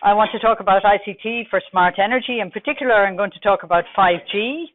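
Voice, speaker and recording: A middle-aged Irish woman with a Dublin accent gives a technical conference presentation, talking quickly with many fillers. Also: medium pitch, slight background noise. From Ireland. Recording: tinny phone-like recording.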